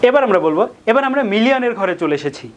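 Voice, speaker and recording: Slow, clear Bangladeshi woman tutor. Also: a little high, expressive. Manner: slow, deliberate explanation with repeated examples. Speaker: English tutor. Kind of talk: tutorial lesson.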